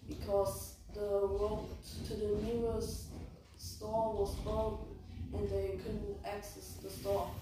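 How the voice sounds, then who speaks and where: A young teenage female pupil hesitantly reciting a story at school. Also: medium pitch. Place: school room. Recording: echoey room, distant mic, noisy.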